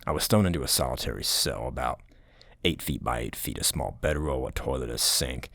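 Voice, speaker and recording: A man narrating a scary story in a low, haunting, gravelly voice that at times sinks toward a breathy whisper. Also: fairly quick, a bit bright, dry recording, clean studio sound. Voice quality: deep, gravelly. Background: music.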